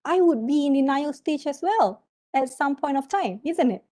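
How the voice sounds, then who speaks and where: A woman's voice: high voice, expressive, moderate pace, warm tone. A woman teaching a live course, explaining step by step with frequent checking tags. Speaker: course trainer, therapist. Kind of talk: instructional talk in a live course.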